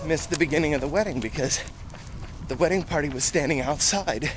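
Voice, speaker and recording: American man vlogging over loud outdoor noise. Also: on the high side, brisk. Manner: rambling, conversational. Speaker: running vlogger. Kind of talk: casual vlog talk while out running. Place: outdoors on town and semi-rural streets. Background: loud road and outdoor noise.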